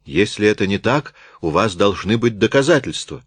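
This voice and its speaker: A man's voice: on the low side, lively intonation, moderate pace, breathy edge, no echo. A man voicing a stern, impatient presiding judge who presses with insistent questions. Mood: indignant.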